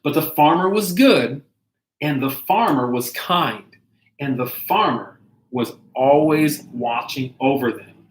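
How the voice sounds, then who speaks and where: A man, a pastor, reading a children's storybook aloud in a gentle, unhurried way. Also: medium pitch. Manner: gentle, unhurried, self-correcting. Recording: echoey room.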